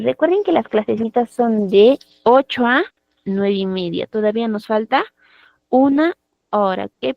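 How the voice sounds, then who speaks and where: A woman's voice: on the high side, gravelly, no echo. A woman with a Peruvian Spanish accent, teaching a live online English class and explaining patiently with lots of repeated tag questions. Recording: dry, phone-like online call audio.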